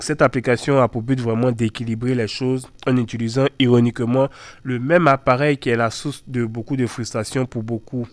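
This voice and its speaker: Guy demoing phone apps, chatty, lots of "voilà" type fillers, smooth close dry mic. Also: mid-range voice, a little mellow, no room sound. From Ivory Coast. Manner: chatty, many fillers and repeated words. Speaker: tech channel host. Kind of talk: screen-recorded app walkthrough.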